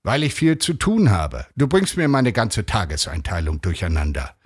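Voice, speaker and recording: A man's voice: lowish voice, sing-song, moderate pace, husky, voice pushed up. A man playing a self-satisfied, teasing middle-aged husband in a read short story.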